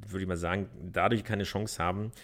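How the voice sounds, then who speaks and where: A man with a deep, low voice co-hosting a podcast, chatting casually and explaining in a calm, hesitant way. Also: a little fast. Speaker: podcast co-host.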